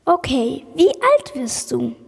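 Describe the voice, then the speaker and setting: A woman's voice: sits high, sing-song, slow, vocal fry, long reverb tail, heavily acted. A young speaker playing a curious time-traveling girl who asks eager questions and stumbles over her words. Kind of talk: children's school podcast role-play.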